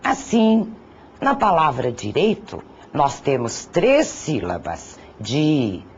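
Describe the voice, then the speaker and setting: A teacher narrating a grammar lesson, deliberate and careful, sounding out syllables and listing example words one by one. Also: medium pitch, wildly swooping pitch, a little hiss or hum. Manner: slow, deliberate, spells out syllables and lists examples. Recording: dull lo-fi recording.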